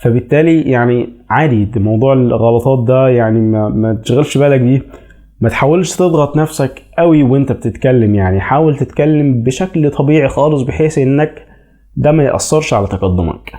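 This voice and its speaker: Egyptian guy teaching english, talks quick and chatty, warm mellow tone. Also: medium pitch. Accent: Egyptian Arabic. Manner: chatty, reassuring advice. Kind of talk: casual explainer video.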